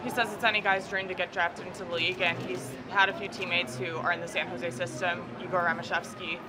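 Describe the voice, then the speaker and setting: A man working as a live interpreter at a media scrum, briskly relaying a player's answers in the third person. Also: high-pitched, flat delivery, a loud crowd, poor audio. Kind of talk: live consecutive interpreting between Russian and English. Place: media scrum at a draft event.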